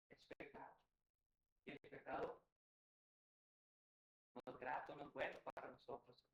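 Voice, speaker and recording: A man preaching a sermon, calling the congregation brothers and building to loud, fervent exhortation. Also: mid-range voice, little pitch movement, slow, gravelly, long pauses, husky, rough recording. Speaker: pastor.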